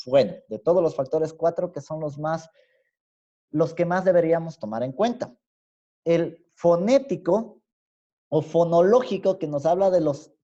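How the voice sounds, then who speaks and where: A man with an Ecuadorian highland accent lectures in an online class in a mellow, darker voice. He explains patiently and often stops on a rising "¿sí?" to check that students follow. The audio is dull and lo-fi, as from a video call. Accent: Ecuadorian highland Spanish. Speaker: university teacher. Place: home room on a video call. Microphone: computer mic on a video call.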